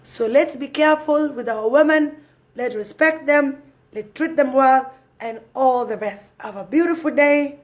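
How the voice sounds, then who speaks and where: Very high-voiced, impassioned woman. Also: measured pace. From South Sudan. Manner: passionate, preachy, repeats her points. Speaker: social commentator on a live video. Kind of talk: impassioned live-stream commentary.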